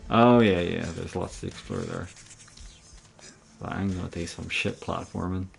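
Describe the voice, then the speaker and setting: A man's voice: sits low, level tone, normal speed, creaky, a little hiss or hum. A man giving casual, sweary, joking gameplay commentary to a friend. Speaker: gamer playing through a video game.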